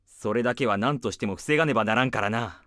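A woman playing a pompous, gruff, quick-tempered male mouse police inspector in an audio drama, imperious and blustering. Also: very deep voice, fairly bright tone, dry recording, clean studio sound. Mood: grave, gruff.

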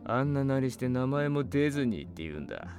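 A man's voice: medium pitch, sing-song, fast talker, over music. A man playing a laid-back, wry private detective in an audio drama, talking in a cool, casual noir manner. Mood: amused, wry.

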